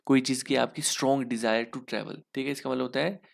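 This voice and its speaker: Gravelly man explaining exam English. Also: mid-range voice, fairly even intonation, normal speed. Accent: Indian English. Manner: explains step by step, asks then answers himself. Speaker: English teacher. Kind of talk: exam lesson in Hinglish.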